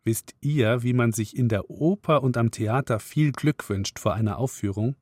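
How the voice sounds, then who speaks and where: A man's voice: mid-range voice, normal speed, darkish tone, dry recording, studio quality. A man hosting a children's radio show, talking directly to the kids in a friendly way. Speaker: host.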